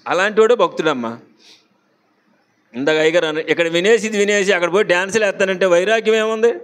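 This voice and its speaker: A pastor with a Visakhapatnam accent, preaching a sermon to a congregation in a chatty way, often putting questions to them. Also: male voice, sits high, fast talker, a bit bright. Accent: Visakhapatnam Telugu. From Andhra Pradesh, India.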